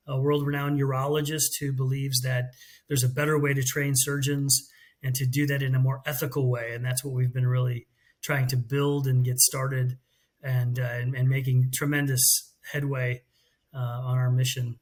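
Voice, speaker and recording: In a business interview, a middle-aged man from the United States, his company's CEO, lays out what he does fluently, though he restarts now and then. He talks at a moderate pace in a level, mid-range voice.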